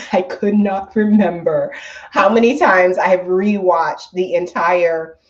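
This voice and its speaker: A woman in her thirties, a bit stuffy from allergies, hosts a travel company's casual weekly live stream from home, chatting upbeat with viewers and laughing often. Her voice is fairly low with fairly even intonation, and she speaks slowly. It is recorded on a laptop microphone indoors and sounds muffled.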